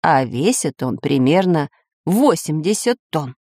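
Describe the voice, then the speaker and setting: A woman's voice: low voice, sing-song, measured pace, darkish tone, dry recording, clean studio sound, exaggerated voice. A woman voicing a learned, fussy male geographer who explains facts in a lecturing way.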